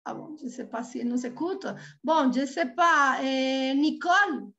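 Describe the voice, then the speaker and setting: A woman with a Colombian Spanish accent teaches French over a video call, her voice bright and high. She patiently spells out each word twice, and the call audio comes through dull and lo-fi. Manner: patient, repeats words slowly and clearly. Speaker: French tutor. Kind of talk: online language lesson.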